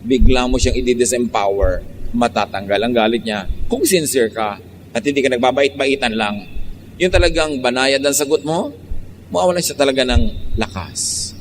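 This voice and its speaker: A man with a Filipino accent, a pastor preaching a sermon, shifting between slow, calm teaching and lively mock quotes. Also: medium pitch. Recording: long hall reverb, faint traffic noise.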